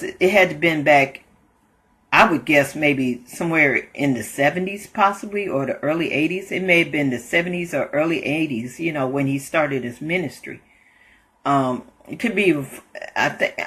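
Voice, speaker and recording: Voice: mid-range voice, sharp tone, husky. A host telling a story in a casual monologue, laughing often and repeating phrases as they go. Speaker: host sharing inspirational thoughts.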